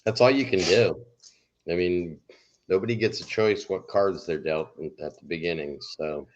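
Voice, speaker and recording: A man's voice: low-pitched, moderate pace, highs cut off. A man hosting a livestream and chatting casually. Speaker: livestream host. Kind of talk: casual chat.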